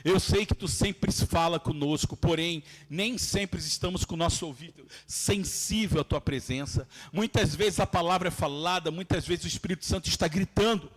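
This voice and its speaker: High-pitched brazilian preacher guy, fervent sermon, prays with force. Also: moderate pace, hardly any pauses. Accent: Brazilian Portuguese. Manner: fervent, declaring prayer in a preaching cadence. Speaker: pastor.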